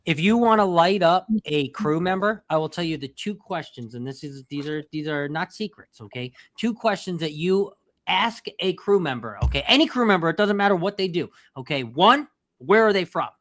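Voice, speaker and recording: A man with a fairly high voice co-hosts a casual podcast. He lays out his advice point by point and stresses it firmly, tagging his sentences with "okay?". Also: lively intonation, moderate pace, fairly bright tone. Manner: emphatic, lists tips, keeps adding "okay?". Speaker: podcast co-host.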